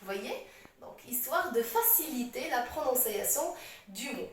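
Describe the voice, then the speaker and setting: A woman teaching a French grammar lesson, explaining slowly, repeating herself and often checking that the class follows. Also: a little high, animated. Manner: slow, repetitive explaining, checks understanding often. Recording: echoey, distant, faint noise.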